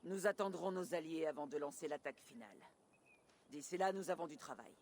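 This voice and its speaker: A firm Viking chieftain. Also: female voice, low voice, fairly quick, a little mellow. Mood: resolute. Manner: firm, determined. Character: proud young female Viking chieftain. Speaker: clan leader. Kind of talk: dubbed video game drama.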